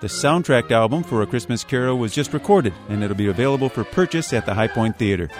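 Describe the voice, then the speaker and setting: A man's voice: mid-range voice, expressive, fast talker. A man in his forties hosting a radio arts program, playful in conversation and then reading scripted announcements, with music playing under his voice. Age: 40s. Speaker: radio arts show host. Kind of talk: radio interview and show outro.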